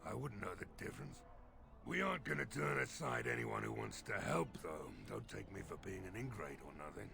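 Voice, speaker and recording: Game village mayor, gravelly, lowish, blunt, weary, pleading. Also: male voice, expressive, fairly quick, over music. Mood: weary urgent. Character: worried male village mayor, middle-aged, blunt.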